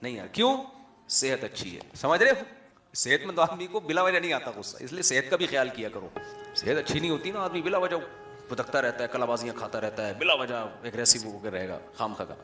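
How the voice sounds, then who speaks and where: A man's voice: mid-range voice, pushed and bright. A middle-aged man, an Islamic scholar giving a humorous sermon with chatty storytelling and asides to a live audience. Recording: echoey hall, faint music.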